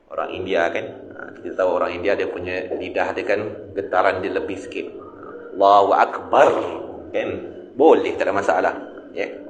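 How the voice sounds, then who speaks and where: A man with a Malaysian Malay accent giving a mosque lecture on a religious text. He asks his listeners questions and answers them himself. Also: low-pitched. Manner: demonstrates sung and drawn-out recitations. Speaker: religious teacher. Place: mosque hall. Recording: echoey room, faint ambience.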